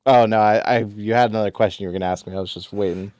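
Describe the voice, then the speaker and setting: A man chatting as a podcast guest, relaxed and easygoing as he talks about his everyday life. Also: lowish voice, rapid-fire, no room sound, studio quality. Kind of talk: casual interview chat. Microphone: VR headset.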